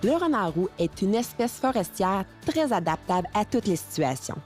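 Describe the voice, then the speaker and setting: A woman's voice: mid-range voice, very animated, normal speed, a little mellow. A woman reading scripted narration as the narrator of a wildlife documentary. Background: faint music.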